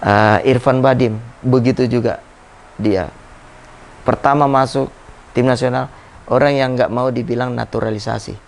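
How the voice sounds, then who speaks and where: A man's voice: medium pitch, steady tone, creaky. A man in his thirties, a former football captain, reflectively telling stories as an interview guest. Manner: reflective, halting with restarts. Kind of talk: casual interview storytelling.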